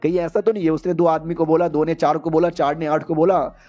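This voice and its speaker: A man recaps an anime story in casual, chatty talk and chuckles at the plot. His voice is high and mellow, and the recording sounds dull and lo-fi. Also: little pitch movement, a little fast, dry recording. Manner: chatty, slangy, laughs at the story.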